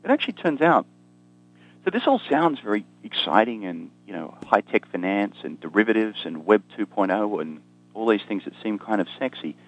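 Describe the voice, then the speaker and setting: With a fairly low, sing-song voice at normal speed, the Australian economist guest explains ideas conversationally. The recording is muffled, and his delivery features dry, self-deprecating humor with many ums and restarts.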